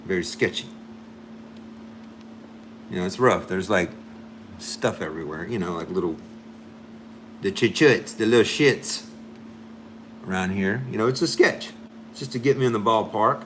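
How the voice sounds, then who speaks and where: A man's voice: on the low side, moderate pace, pauses often, fairly bright tone, a little hiss or hum. A man chatting casually on a livestream as he draws, rambling and thinking aloud, now and then dropping in amateur French phrases. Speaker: artist streaming a drawing session. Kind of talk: casual livestream chat while drawing.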